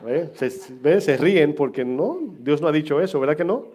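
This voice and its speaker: A man's voice: fairly high pitch, normal speed, darkish tone. A middle-aged man preaching as pastor, chatting with his congregation with humor and questions. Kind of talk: sermon. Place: church.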